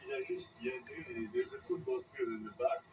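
A man's voice: extremely high pitch, little pitch movement, normal speed, gravelly, far from the mic, music in the background. A young man chatting casually and laughing a lot, recorded outdoors on a camcorder. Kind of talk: casual chat. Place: outdoors at a stadium.

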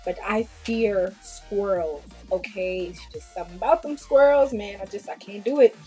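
A woman's voice: mid-range voice, normal speed, dark tone, husky, soft background music. A woman, talking casually and bluntly to the camera in a small room, now and then dropping into Jamaican patois phrases. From Queens, New York. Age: 20s. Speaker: vlogger. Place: small indoor room before a plain pink backdrop.

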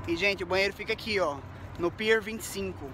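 A young man from Brazil in his twenties, chatting excitedly to viewers in a casual travel vlog, filming himself with a phone held at arm's length on a city waterfront pier. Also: sits high, fairly quick, noisy background. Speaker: vlogger.

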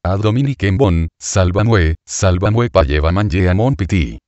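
Man voicing a panicked Haitian laborer begging for rescue in broken Spanish, deep voice. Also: expressive, a little slow, darkish tone, no room sound, dull audio. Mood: desperate pleading. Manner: broken Spanish, crying out to God. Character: terrified injured Haitian cane worker, pleading.

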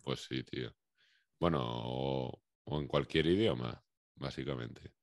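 A young Spanish man with a Spain Spanish accent, co-hosting a podcast in relaxed, slangy casual chat. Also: a bass voice, measured pace, no room sound, studio quality. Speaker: podcast co-host.

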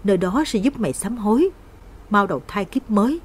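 An earnest older village woman pleading with an old friend, voiced by a woman narrator. Her voice is breathy and lively in pitch. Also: fairly quick.

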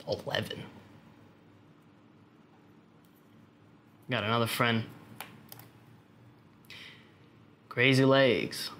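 A man's voice: on the low side, sharp tone, a little hiss or hum. A young actor playing a grieving, streetwise young man in a dramatic monologue, talking in profane street slang. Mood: reflective, grieving. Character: young street-smart man, grieving lost friend, bitter.

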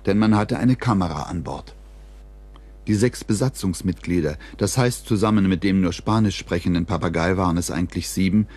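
A man reading scripted documentary narration in a measured, even storytelling delivery. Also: low-pitched, breathy edge.

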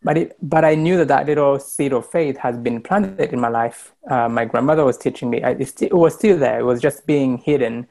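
An earnest young man from Rwanda tells his faith story on a video call at a mid pitch. He talks through an earbud mic in a small plain room, pausing with fillers and restarting his sentences. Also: gravelly, warm tone. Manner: earnest, many fillers and restarts, gestures while talking. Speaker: church member sharing testimony. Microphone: wired earbud mic on video call.

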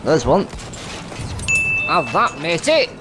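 Excitable sweary man gaming. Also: on the high side, slow pace. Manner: excitable, swears constantly, taunts enemies, laughs often. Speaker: gamer narrating his clips. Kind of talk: gameplay commentary. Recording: gunfire and music behind the voice. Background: gunfire and music from the game.

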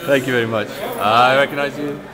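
A man's voice: mid-range voice, steady tone, brisk. A man filming fans after a concert, asking them questions in an upbeat, joking way. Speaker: band member filming fans. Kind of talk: casual chat. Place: large busy concert venue foyer. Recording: loud crowd chatter and noise.

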